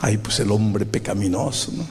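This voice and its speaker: A man's voice: fairly low pitch, normal speed, long reverb tail, a little hiss or hum. A man, a pastor telling a story in a sermon, talking conversationally and pressing his listeners with rhetorical questions. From Peru.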